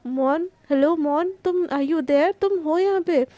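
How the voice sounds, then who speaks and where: A woman voicing a friendly, caring young female coworker who talks in a warm, chatty way. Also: high voice, takes it slowly, no room sound, lo-fi sound. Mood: impatient.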